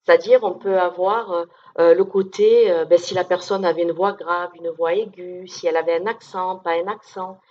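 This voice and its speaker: A woman's voice: on the low side, fairly even intonation, normal speed, hardly any pauses, dark tone. Chatty down-to-earth woman, lo-fi recording. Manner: down-to-earth, chatty, many fillers and check-ins. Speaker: medium giving a talk. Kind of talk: informal conference talk to an audience. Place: conference room with an audience.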